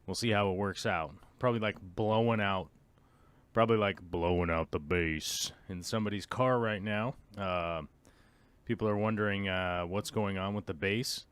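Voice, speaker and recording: Hoarse and losing his voice, a man hosting a live stream from his home office rambles casually and chuckles often. His voice is lowish and fairly bright in tone at a normal speed, captured in a dry recording.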